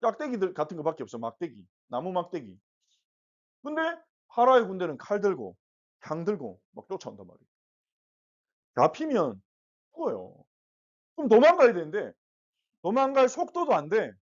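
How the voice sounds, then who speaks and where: A woman teaching a Bible lesson to children, telling the story with lively questions to the kids. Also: on the low side, normal speed, long pauses. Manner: animated storytelling, asks the kids questions and acts out quotes. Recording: muffled lo-fi recording.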